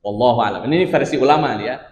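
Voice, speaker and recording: A man's voice: mid-range voice, fast. Echoey man preaching in a hall. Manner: lively storytelling with asides to the audience. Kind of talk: Islamic study sermon. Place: large mosque hall.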